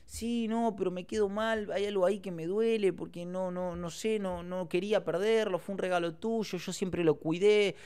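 A man's voice: high-pitched, steady tone, normal speed, few pauses, darkish tone, clean tone, pitched above the performer's own voice, natural voice. Man putting on his fretting tearful mother. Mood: upset. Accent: Argentine Spanish. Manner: whiny, repetitive lament. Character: distressed middle-aged mother, tearful and worried.

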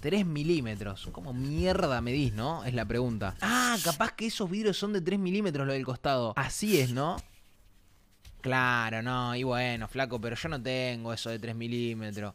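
A man's voice: medium pitch, normal speed. A young man with an Argentine accent, chatting casually and reacting on a stream, full of slang and asides to his chat. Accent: Argentine Spanish. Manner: slangy, animated, talks to chat.

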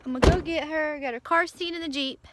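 A young woman chatting excitedly to her viewers in a casual vlog, a little out of breath, filmed on a phone while walking outside. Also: sits high, quick pace. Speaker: vlogger. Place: outdoors on a walk. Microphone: handheld phone camera. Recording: phone video with outdoor noise.

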